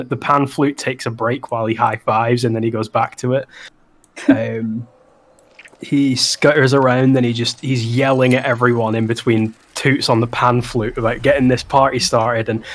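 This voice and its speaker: A man as game master, improvising descriptive, amused narration for a tabletop game. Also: mid-range voice.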